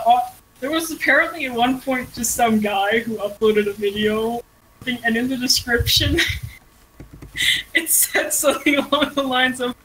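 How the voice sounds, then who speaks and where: A woman's voice: fairly high pitch, pushed and bright, low-quality recording. A young woman streamer chatting casually and rambling, laughing and swearing freely as she talks. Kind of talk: casual chat on a drawing stream call. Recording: faint background noise.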